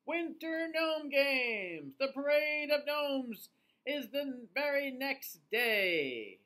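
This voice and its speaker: A man's voice: extremely high pitch, big pitch swings, extremely slow, bright, forceful tone. A man in his thirties talking like a kids show host, reading a picture book aloud in an exaggerated sing-song way for young children. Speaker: children's storytime reader. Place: small indoor room, seated facing the camera.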